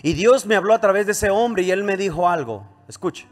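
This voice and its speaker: A man's voice: sits high, lively intonation, fairly quick, faint music behind. A male pastor preaching a sermon, throwing rising questions to the congregation and calling for amens. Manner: preaching with call-and-response, rising emphatic questions.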